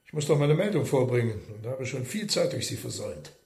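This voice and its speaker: A rushed nagging court usher, gravelly, echoey and off mic, radio play. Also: male voice, mid-range voice, expressive, a little mellow. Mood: reproachful hurried. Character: harried male court usher, reproachful. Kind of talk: radio drama acting.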